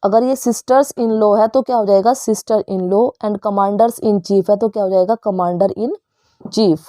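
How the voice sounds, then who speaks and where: A woman's voice: medium pitch, fairly even intonation, takes it slowly, warm tone, no echo, studio quality. A woman teacher with an Indian English accent explaining English grammar in Hindi, often asking her students questions. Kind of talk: grammar lesson.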